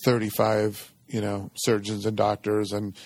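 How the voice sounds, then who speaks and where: A middle-aged man, an interview guest, telling personal stories reflectively and informally, in a halting way peppered with filler phrases. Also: lowish voice, completely flat delivery, a little mellow, dry recording. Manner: halting, informal, frequent "you know". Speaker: interview guest, company executive. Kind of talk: reflective personal storytelling in conversation.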